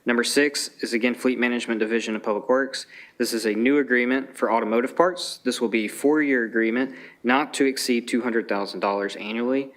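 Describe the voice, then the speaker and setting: A man's voice: mid-range voice, fairly quick. Male finance officer, businesslike council read-out of figures. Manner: steady, businesslike listing of figures. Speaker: city finance officer reading purchases. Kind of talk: formal meeting read-out. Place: city council chamber.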